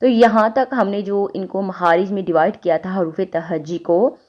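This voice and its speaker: A woman teaching a recitation lesson, explaining letter sounds patiently and repeating them slowly to demonstrate. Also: medium pitch, steady tone, a little mellow, lo-fi sound. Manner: patient, repeats points to the listener.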